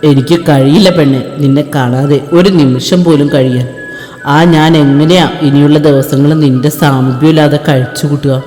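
A man's voice: mid-range voice, fairly even intonation, moderate pace, mellow, pitched below the performer's own voice, natural voice. A man playing a tender, devoted young husband. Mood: aching. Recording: echoey room with long reverb and faint music.

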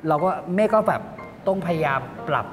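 A man who directs a series, chatting in an interview and telling lively behind-the-scenes stories. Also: a little high, moderate pace. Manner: animated storytelling, acts out quotes. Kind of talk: casual interview chat. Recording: reverberant studio with background music.

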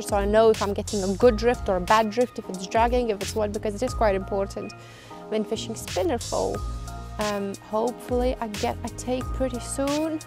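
A woman with a slightly high voice makes chatty, self-mocking conversation while fly fishing outdoors on a riverbank, turning excitable whenever she hooks a fish. Music plays in the background, and the camera mic is occasionally far from her.

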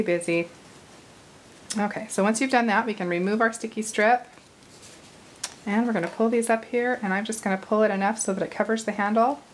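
A woman in her thirties hosting a casual crafting tutorial, chatty and a little hoarse, with apologetic asides while she works at arm's length from the camera. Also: mid-range voice, a little hiss or hum, low-quality recording. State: slightly hoarse, losing her voice. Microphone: camera at arm's length over the craft table.

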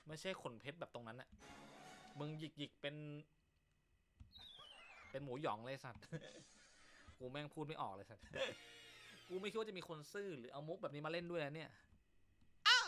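Man, comedy host, joke-telling chat, crude slang, bright, lively. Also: mid-range voice, a little hiss or hum. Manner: crude slang, teasing banter.

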